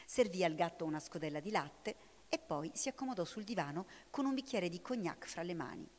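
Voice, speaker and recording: A woman's voice: lowish voice, a little fast. Italian woman reading a story aloud. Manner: expressive storytelling. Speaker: reader. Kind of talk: expressive literary reading. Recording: long hall reverb.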